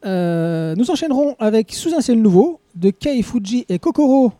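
A man hosts a casual podcast, recorded live in a café. His voice sits high yet sounds very mellow and dark. He jokes freely and stumbles over fillers. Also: expressive, moderate pace, no room sound, clean studio sound. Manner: joking, with many hesitant fillers. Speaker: podcast host.

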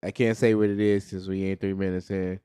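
A lower-pitched man ribbing his co-hosts in loose podcast banter. He rambles through his stories and trails off mid-sentence. His voice is close and dry, with no room sound around it. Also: flat delivery, brisk, dark tone, clear, resonant tone, no echo. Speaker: podcast co-host.

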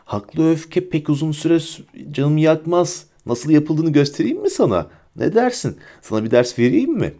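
A man's voice: sing-song, measured pace, few pauses, mellow. A man reading a story aloud, voicing a cruel, fanatical female witch who taunts and shrieks. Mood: taunting. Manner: taunting, mocking, high and shrill.

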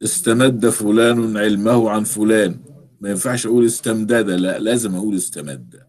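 A man teaching Arabic grammar with an Egyptian accent. He explains step by step and repeats words slowly for stress. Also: fairly low pitch, a little mellow. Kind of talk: recorded grammar lesson.

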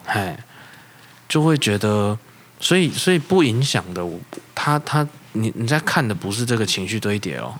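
A man with a Taiwanese accent in casual chat, halting and repeating words as he explains. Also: lowish voice, big pitch swings, a little hiss or hum.

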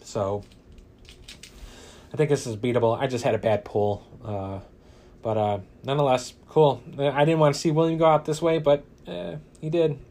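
A man's voice: mid-range voice, steady tone, warm tone. A man playing a card game alone, reading card text dramatically and chatting casually about his play. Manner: casual, halting with fillers, reads flavor text dramatically. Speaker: solo card game player.

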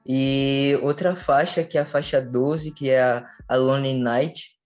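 A man's voice: medium pitch, fairly even intonation, measured pace, a little mellow, muffled recording, soft background music. Informal Brazilian man reviewing an album. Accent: Brazilian Portuguese. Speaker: music podcast panelist.

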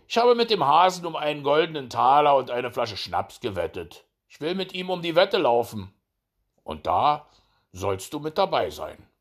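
A man's voice: fairly high pitch, sing-song, normal speed, voice pushed up. A man voicing a sly, stubborn male hedgehog in a fairy tale, cocky and bossy.

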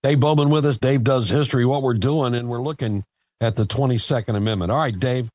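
A man's voice: mid-range voice, a little fast, a little mellow, dry recording, lo-fi sound. A man hosting a morning talk radio show, casual and upbeat.

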